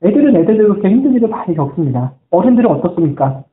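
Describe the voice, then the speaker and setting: Earnest pastor preaching, echoey and tinny. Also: male voice, high voice, big pitch swings, racing. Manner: earnest storytelling, quoting voices. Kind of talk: sermon. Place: church sanctuary. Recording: echoey room on a tinny phone-like line.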